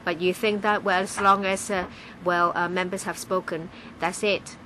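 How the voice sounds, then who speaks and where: A woman giving live interpretation of a legislative debate, halting, with frequent pauses and restarts. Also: on the low side, level tone, a bit bright, a little hiss or hum, low-quality recording. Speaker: simultaneous interpreter.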